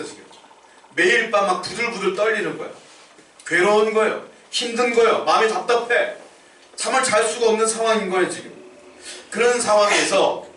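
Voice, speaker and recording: A Korean pastor preaches from some distance off the microphone, his fairly high voice ringing through the church room. He talks in a conversational way and keeps asking the congregation questions, then answers them himself. A faint background hiss sits under the sermon. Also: fairly bright tone, roomy sound. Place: church sanctuary.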